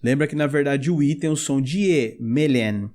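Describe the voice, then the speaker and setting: A man's voice: a little high, brisk, a little mellow. A man with a Brazilian Portuguese accent teaching a video lesson, explaining step by step and asking viewers to repeat after him. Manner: explains step by step, asks for repetition. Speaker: English teacher.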